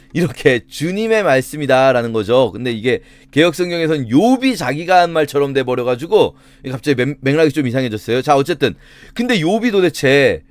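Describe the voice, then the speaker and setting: A man's voice: fairly high pitch, no echo. A male pastor giving a conversational Bible reading commentary, explaining with rhetorical questions.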